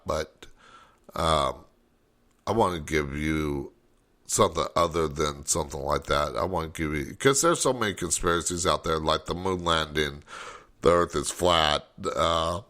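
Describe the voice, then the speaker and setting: Deep-voiced talk show host. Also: male voice, a little slow, pushed and bright. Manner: rambling and digressive, thinking aloud. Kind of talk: late-night talk radio monologue.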